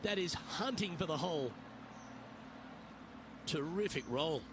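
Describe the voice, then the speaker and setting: Male golf commentator, slightly high voice, understated play-by-play, audible outdoor noise behind. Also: lively intonation, unhurried.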